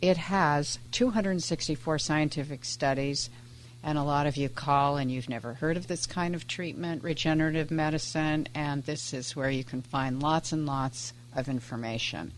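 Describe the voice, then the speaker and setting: A woman co-hosting a radio show, upbeat, reading out phone numbers and web addresses slowly and clearly. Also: sits low, a little hiss or hum. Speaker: radio co-host. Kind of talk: radio program reads and chat. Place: radio studio.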